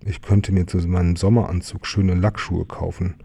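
A man's voice: low-pitched, level tone, moderate pace, vocal fry, warm tone, breathy edge, full character voice. A man voicing a dreamy, wishful little male bear cub in a children's storybook reading.

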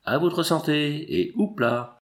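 A man's voice: on the high side, slow, gravelly, pitched above the performer's own voice. Man doing a drunken boastful gold miner. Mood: drunken boasting.

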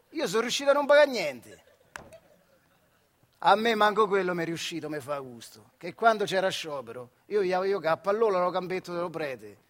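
A wry old factory worker. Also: male voice, high voice, a bit bright. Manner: rambling, folksy storytelling with dialect turns. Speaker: stage actor in a radio monologue. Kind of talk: theatrical monologue for radio.

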